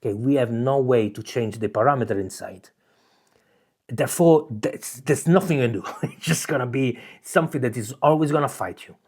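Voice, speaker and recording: A husky, slightly mellow voice of medium pitch, delivered at a moderate pace, belongs to an Italian-accented man from Italy. As host of his own channel, he gives a casual explanatory monologue, frequently restarting phrases and checking in with "okay?".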